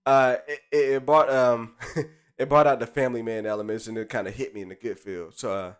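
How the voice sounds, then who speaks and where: There's faint live jazz behind this man as he runs a casual live-stream chat, brisk and fairly even in intonation. His mid-range voice has a clean tone despite his stuffy nose and being under the weather, and he greets chatters by name in hyped slang.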